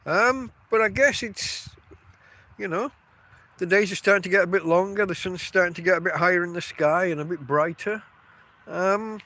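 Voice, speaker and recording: A middle-aged man hosts a rambling, chatty solo podcast outdoors at his tent in a field camp, interrupting himself, his nose stuffed up from a cold. His voice is fairly high-pitched with a fairly bright tone.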